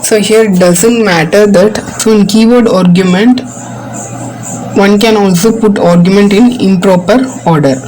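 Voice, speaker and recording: A woman's voice: medium pitch, measured pace, mellow, slight background noise, rough recording. A woman teaching a computer science class. She walks patiently through code line by line, starting most sentences with "so". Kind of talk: classroom coding demo lesson.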